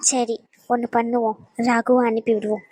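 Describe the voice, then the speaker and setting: Brief: woman as a commanding young cartoon relative, high voice, dry. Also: flat delivery, moderate pace, mellow, no room sound, close to an everyday voice. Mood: firm. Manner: firm, commanding.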